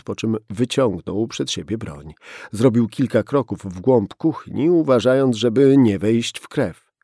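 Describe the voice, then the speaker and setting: A man narrating a crime audiobook in a slow, measured delivery. His voice is low and gravelly with a dark tone. The recording is dry and close. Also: no room sound. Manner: measured, tense.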